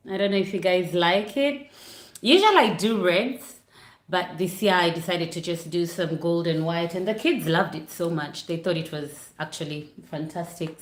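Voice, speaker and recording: A Ugandan vlogger hosts a livestream from her home living room near a Christmas tree, chatting casually to a live audience through a computer setup. Her fairly low voice echoes around the room, and she comes across as chatty and apologetic, easily distracted by the lighting.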